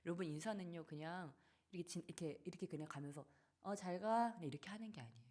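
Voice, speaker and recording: A woman pastor, likely in her thirties, preaching a sermon in a church, acting out quotes and dropping into soft asides. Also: low-pitched, very fast, breathy edge. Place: church sanctuary.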